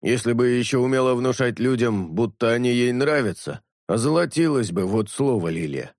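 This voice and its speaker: Male narrator doing a wary, gruff street tough with a grumbling, jumpy delivery; dry close mic. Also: medium pitch, expressive, normal speed, darkish tone, no echo, lightly acted.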